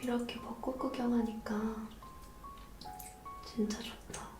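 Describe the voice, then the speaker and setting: A woman speaks in a gentle, affectionate whisper, unhurried and slow. Her voice carries a roomy echo, with soft music faintly underneath. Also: on the high side, level tone. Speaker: ASMR creator. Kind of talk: whispered roleplay ASMR.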